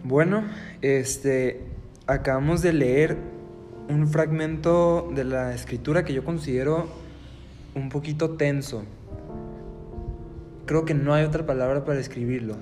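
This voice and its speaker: A man's voice: a little high, a little slow, long pauses, darkish tone, long reverb tail, faint music behind. A man leading a podcast Bible reflection, talking earnestly and with feeling. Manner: earnest and emotive, acting out quotes in a trembling plea. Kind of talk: reflective religious talk.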